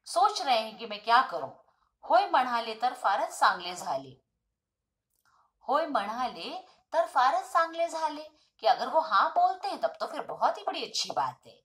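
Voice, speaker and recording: Reading a school lesson line by line, a woman tutor follows each with a simple, lively explanation told like a story. Her voice is a little high.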